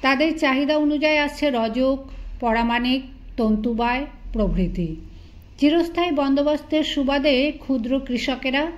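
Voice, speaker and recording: A woman narrating an audiobook novel in a steady, literary storytelling manner. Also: sits high. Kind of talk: scripted narration.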